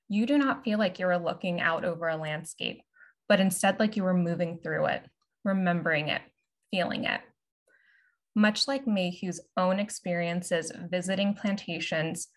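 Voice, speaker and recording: A woman moderating a virtual panel, reading a prepared introduction aloud in a measured, formal way over a video call. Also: fairly low pitch. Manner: measured, formal presentation of a written script. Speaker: moderator and curatorial assistant. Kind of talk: prepared talk read aloud.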